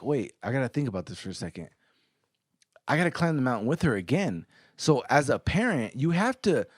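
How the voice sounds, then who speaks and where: In a relaxed podcast conversation, a man in his thirties co-hosts with blunt, earnest talk peppered with swearing. The studio-quality recording of his mid-range voice has no echo.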